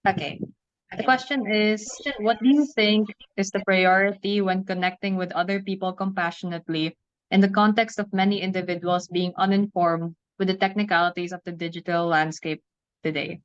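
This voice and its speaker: A woman moderating an online forum, reading audience questions aloud in a clear, measured way over a video call. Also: mid-range voice, fairly even intonation, no echo. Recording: dull dry video call audio.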